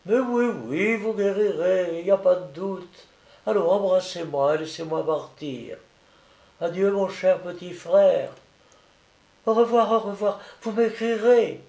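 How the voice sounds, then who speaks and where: A man reading a gentle young pregnant woman's lines in an audiobook, speaking softly and soothingly. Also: sits high, measured pace, gravelly, reverberant, pitched above the performer's own voice. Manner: soft, soothing, comforting.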